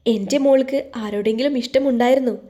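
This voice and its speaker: A woman voicing a tender, nervous young husband who murmurs softly and intimately in a romance audio story. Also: fairly high pitch, quick pace, close to an everyday voice.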